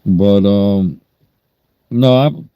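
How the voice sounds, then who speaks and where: A man's voice: fairly low pitch, very slow, smooth, no echo, highs cut off. A man, chatting bluntly and rambling on a livestream. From New York. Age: 60s. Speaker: livestream host. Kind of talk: casual livestream chat.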